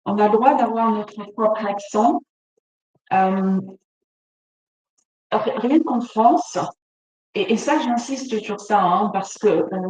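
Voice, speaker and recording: A woman's voice: mid-range voice, a little mellow. A woman presenting a webinar, speaking spontaneously with many fillers and restarts. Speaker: webinar presenter, business facilitator. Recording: distant mic in echoey room, faint noise.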